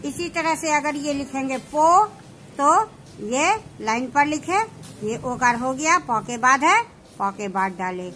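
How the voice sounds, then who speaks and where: High-pitched lady teacher going slow over each shorthand sign, keeps asking if u got it. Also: lively intonation, a bit bright, a little hiss or hum. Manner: explains step by step, checks understanding with questions. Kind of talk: slow classroom explanation.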